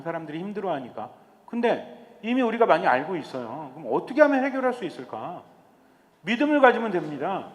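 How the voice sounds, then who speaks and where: Priest guy giving a retreat talk, keeps asking the crowd questions, big echoey hall. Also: high-pitched. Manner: lively, asks the audience questions. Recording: long hall reverb.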